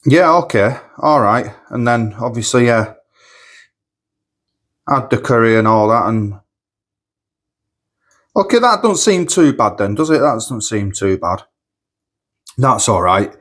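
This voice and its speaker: At home in his kitchen, a man reviews supermarket food for a casual vlog, chatty and rambling and repeating himself, sniffly as a cold comes on. His voice is medium-pitched and fairly bright, expressive and a little slow, with long pauses.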